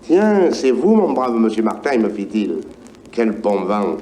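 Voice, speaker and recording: An actor with a Provençal accent playing a genial, obliging old male saint who keeps heaven's gate, in a high, lilting voice. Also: sing-song, a little slow, warm tone, a little hiss or hum.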